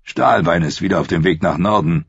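A man's voice: sits low, fairly quick, vocal fry, breathy edge, no room sound, full character voice. A man reading an audiobook, voicing a cynical, mocking one-handed knight in a dry, sardonic way. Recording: dry, slightly dull studio audio.

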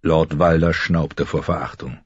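Deep husky male audiobook narrator. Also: no echo, highs cut off. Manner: steady, measured storytelling. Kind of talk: scripted narration.

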